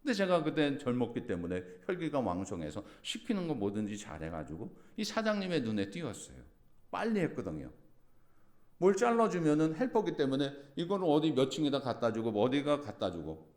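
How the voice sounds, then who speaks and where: A male pastor preaching a sermon, telling a personal story and acting out the quoted lines, rising to loud emphatic peaks. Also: medium pitch, wildly swooping pitch, fairly quick.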